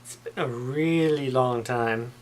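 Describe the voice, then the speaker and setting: A man's voice: medium pitch, takes it slowly, low-quality recording. A man chatting casually with his girlfriend on her vlog and cracking dry jokes. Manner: joking, dry. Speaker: vlogger's boyfriend. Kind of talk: casual chat.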